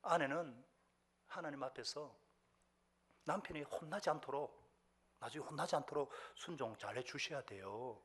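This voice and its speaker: A man preaching a sermon as pastor, who asks the congregation questions and swings between loud outbursts and hushed whispered asides. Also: mid-range voice, moderate pace, long pauses, breathy edge.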